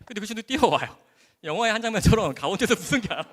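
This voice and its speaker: A man, a doctor, gives a church testimony and tells his story with lively, swinging intonation in a slightly high voice. His words ring out with long reverb, as in a large hall. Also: racing. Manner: animated, vivid storytelling with sound words. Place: church camp gathering hall.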